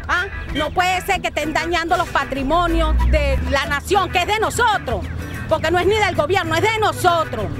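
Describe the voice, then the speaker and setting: Indignant woman, very high voice. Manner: indignant, scolding, rhetorical questions. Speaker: interviewed resident. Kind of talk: street interview. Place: city street outdoors. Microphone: handheld reporter mic.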